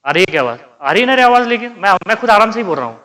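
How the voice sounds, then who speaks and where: A man's voice: sits high, sing-song, very fast, pushed and bright. A male chemistry teacher lecturing a class, quizzing students and answering his own questions, and calling out those who are not paying attention. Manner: scolds inattentive students.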